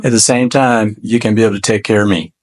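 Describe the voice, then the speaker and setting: A man contestant on a dating show, speaking earnestly and haltingly. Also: on the low side, steady tone, very noisy. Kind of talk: casual chat.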